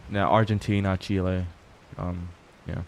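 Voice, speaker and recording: A young man with a low voice talks to his stream at a late hour, sounding worn out. His delivery stays flat and relaxed, full of swearing and remarks to chat. Faint ambient game sound sits quietly behind him. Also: measured pace, vocal fry, slight background noise. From Scotland. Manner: relaxed, swears often, reads chat aloud. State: tired. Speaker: livestream host.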